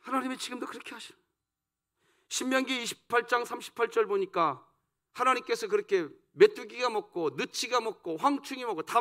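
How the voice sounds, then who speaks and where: A pastor preaching a dawn service sermon, asking the congregation questions and swinging between loud emphasis and soft, low asides. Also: male voice. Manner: rhetorical questions put to the congregation. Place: church sanctuary.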